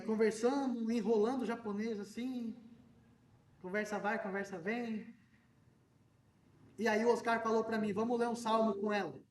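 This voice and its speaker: A pastor with an unusually high male voice delivers his sermon with animated energy, sometimes nearly shouting. He sounds as though he stands some way from the mic. The church hall around him rings with echo. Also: far from the mic.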